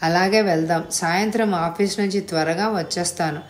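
A woman's voice: fairly low pitch, moderate pace, natural voice. A woman voicing a polite, slightly flustered young man in a storybook reading. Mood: earnest. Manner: polite, hesitant. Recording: echoey room.

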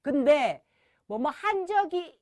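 A middle-aged woman teaching a language lesson, her voice rising and falling a lot as she leads call-and-response drills. She speaks slowly and deliberately, modeling each phrase for her students. Her voice is close and dry, with no room sound. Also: high voice, very animated, darkish tone, no echo.

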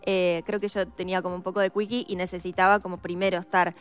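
A woman from Ukraine, an actress talking casually in a studio interview, soft-spoken and thoughtful with frequent hesitations. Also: lowish voice, little pitch movement, fast, clean tone, faint music behind. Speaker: actress guest.

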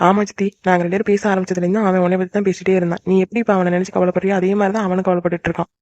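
Rapid-talking soft-hearted cartoon sister voiced by a woman. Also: on the low side, flat delivery, no room sound, lightly acted. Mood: caring. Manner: rapid, caring, cries easily. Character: cheerful married young woman, soft-hearted elder sister. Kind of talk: cartoon voice acting. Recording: dry, dull lo-fi recording.

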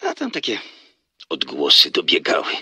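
A man's voice: deep voice, huge pitch swings, moderate pace, pushed and bright, husky, dry recording, exaggerated voice. An actor playing a flirtatious, teasing salesman in a radio drama who laughs often as he talks on the phone. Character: flirtatious smooth-talking male salesman on phone.

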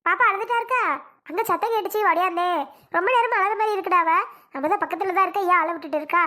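A woman voicing a fussy older mother-in-law in a cartoon, high and nagging. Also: rapid-fire, pushed and bright. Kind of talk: cartoon voice acting.

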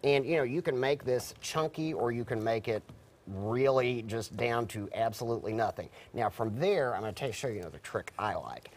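A man's voice: mid-range voice, brisk. A middle-aged man hosting a cooking segment in a TV news studio, chatty and explaining as he works, with frequent restarts. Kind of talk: cooking demonstration chat.

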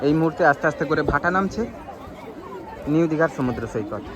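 A man's voice: a little high, lively intonation, quick pace. A man giving live vlog commentary outdoors, announcing and repeating phrases for emphasis. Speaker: vlogger reporting live from a beach. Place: outdoors on a crowded seaside beach. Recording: outdoor recording with busy crowd noise.

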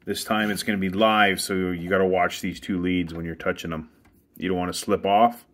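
A man's voice: low voice, little pitch movement, fairly quick, fairly bright tone. A man giving a casual, practical, step-by-step how-to on testing a hot tub heater, recorded outdoors while he works with his hands. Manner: plain, practical step-by-step instructions. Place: outdoors beside a hot tub equipment bay.

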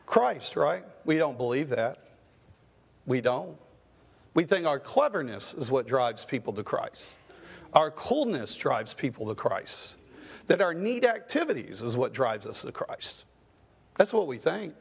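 A man's voice: mid-range voice, very animated, unhurried, gravelly, slightly rough. A man preaching a sermon as pastor in a church, impassioned, with rising questions and stammered restarts. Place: church sanctuary.

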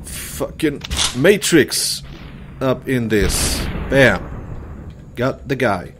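Male gamer, thirties, highly animated delivery with slow pacing, casual exclamations over game sound. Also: background noise. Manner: exclamatory, reacting in short bursts to play. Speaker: video game player and commentator. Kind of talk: casual let's-play commentary. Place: indoor room, seated at a computer.

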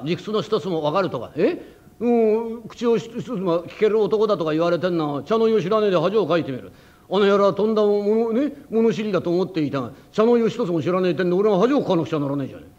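A proud, hot-headed tofu shop owner who barks and blusters in rough old-town speech, as a man acts him out in rakugo. His voice sits fairly high and carries force. The old recording is dull and muffled. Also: expressive, fast. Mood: blustering. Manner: loud, rough, hot-tempered Edo-style talk. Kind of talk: rakugo storytelling.

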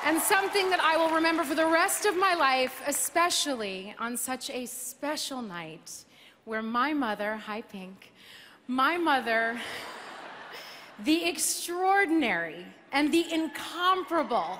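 On a large arena stage, an awards show host jokes about herself in a playful monologue and occasionally sings lines. Her high voice has lively intonation and a slightly slow pace. The live recording has a little hiss or hum, plus a loud crowd with applause and cheering.

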